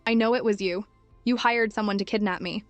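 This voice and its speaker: A scheming little boy speaks with a cool, mocking edge, far sharper than his years, as a woman reads him. The delivery is clipped and calm, close and dry, with faint music beneath. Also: mid-range voice, a little fast, no echo, lightly acted. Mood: cold. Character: cold, calculating five-year-old boy, sharp beyond his years.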